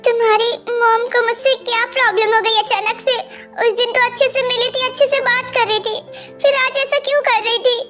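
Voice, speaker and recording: A woman's voice: very high-pitched, little pitch movement, a little fast, music in the background. A woman dubbing a hurt, resentful young orphaned woman. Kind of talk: amateur fan dub.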